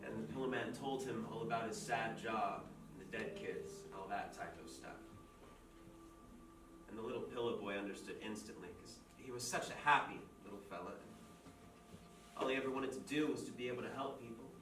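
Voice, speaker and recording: An actor playing a writer who tells a dark fairy tale aloud in a measured, deliberate way, in a stage play. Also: male voice, on the low side, close to an everyday voice. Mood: somber storytelling. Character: grim storyteller telling a dark fairy tale. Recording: echoey stage from far off, with music.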